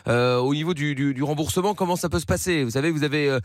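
Radio guy pranking someone, fake polite, um-ing a lot, quick and slightly high, dry close mic. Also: no room sound. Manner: hesitant, falsely polite, many fillers. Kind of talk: prank phone call. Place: radio studio.

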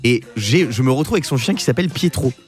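A man hosting a morning radio show, telling a story in a lively, joking way. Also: medium pitch, quick pace, faint music behind. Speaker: radio host.

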